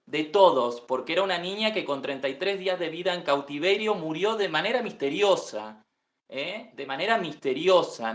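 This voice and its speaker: A man with a fairly high voice interviews a guest, earnest and emphatic. He returns to key phrases for weight. His voice rings in a roomy space. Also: a bit bright. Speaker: interviewer and investigator. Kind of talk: interview questions and commentary.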